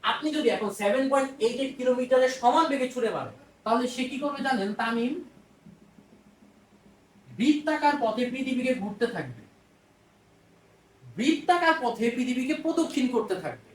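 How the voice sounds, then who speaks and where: A high-pitched woman with a Bangladeshi Bengali accent explains physics in a casual, talkative lecture. She repeats her phrases and answers her own questions. Her voice sits a little away from the mic in an echoey room. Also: lively intonation, fairly quick, pauses often, far from the mic. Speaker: physics teacher. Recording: roomy echo, off-mic.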